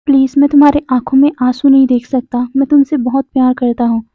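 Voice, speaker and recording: A woman's voice: sits high, flat delivery, quick pace, no room sound. A woman voicing an anxious young man who pleads and apologizes, often stammering, in a storybook reading. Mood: pleading. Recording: tinny phone-like dry sound.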